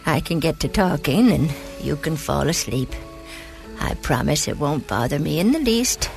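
A woman playing a kindly, folksy, devout elderly granny in a gentle, unhurried bedtime sleep story. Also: deep voice, lively intonation, creaky, faint music behind. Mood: folksy, welcoming. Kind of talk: scripted sleep story narration in character.

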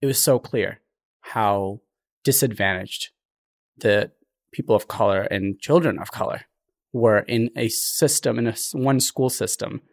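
A young adult man from Ethiopia, a podcast guest talking in an earnest, reflective way with frequent pauses. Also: lowish voice, gravelly. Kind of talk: conversational interview.

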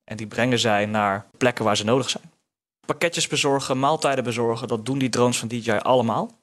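A man's voice: medium pitch, a little fast. A man explaining as an expert guest on a talk show. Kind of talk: business interview.

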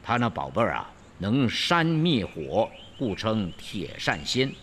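A storyteller voicing a mild woodcutter in a lower, softer, unhurried voice, in a hall with long reverb. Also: very animated, slight background noise. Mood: amused. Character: mild old woodcutter, chuckling and low.

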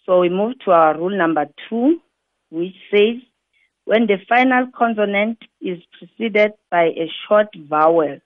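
A woman teacher patiently explaining grammar rules to learners, repeating each example slowly, syllable by syllable. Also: on the low side, dry recording. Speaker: English teacher. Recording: tinny phone-like dry recording.

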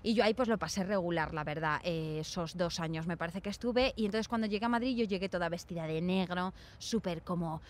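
A woman's voice: on the low side, fairly quick, few pauses. A young woman from Spain chatting casually and telling stories, acting out the voices of people she quotes. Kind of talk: casual chat.

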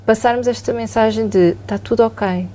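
A middle-aged woman psychologist with a European Portuguese accent, calmly explaining and often checking in with tag questions. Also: on the high side, normal speed. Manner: calm, explanatory, often asks "não é?". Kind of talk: explanatory podcast talk.

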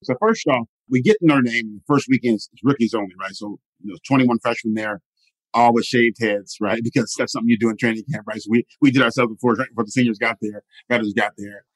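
A middle-aged man telling his life stories in an interview as a motivational speaker, animated and often asking "right?". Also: mid-range voice, fast talker, no room sound, poor audio. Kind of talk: storytelling interview.

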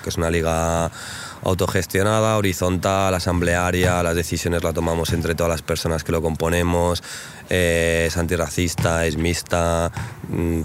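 A man talking casually in an interview at an outdoor court, relaxed and chatty with many fillers. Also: sits low, moderate pace, a little hiss or hum. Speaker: interviewee, league co-founder.

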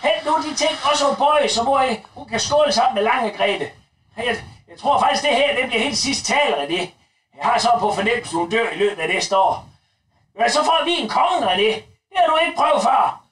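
A man plays a coarse, bossy mother who rambles on, swears freely and keeps calling herself mum. Her voice sits extremely high, and it comes from a distance in a roomy space. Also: animated, a bit bright. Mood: rambling. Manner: crude, rambling, talks about herself as "mor". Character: crude gossipy middle-aged mother, bossy and blunt. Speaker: sketch actor.

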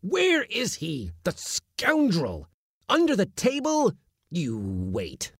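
A man speaks at a raised pitch, higher than his natural voice, playing a bad-tempered middle-aged Latin schoolmaster who blusters and scolds in a strained, furious tone. His delivery is very animated yet slow, with a darkish timbre. The recording is clean studio quality with no room sound.

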